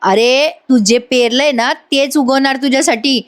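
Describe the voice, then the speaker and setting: A woman's voice: high voice, measured pace. A woman voicing a cheeky young village man, teasing and loyal to his sister-in-law. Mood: scolding.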